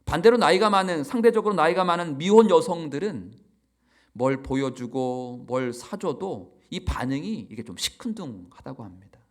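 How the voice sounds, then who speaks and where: Animated, expressive male pastor preaching. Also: a little high, moderate pace. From Chungcheong, South Korea. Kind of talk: sermon.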